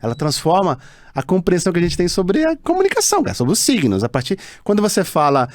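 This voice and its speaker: A Brazilian professor talking as a guest, his voice slightly high and very lively in pitch. He rattles off quick, emphatic explanations, and the recording is close and dry. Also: dry recording. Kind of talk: casual chat.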